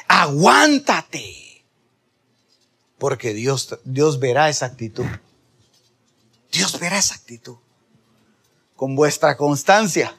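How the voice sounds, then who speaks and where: A man preaching a sermon, calling his listeners brother and swinging from hushed near-whispers to loud, impassioned shouting. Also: medium pitch, vocal fry. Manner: calls the listeners "hermano", acts out voices in the story.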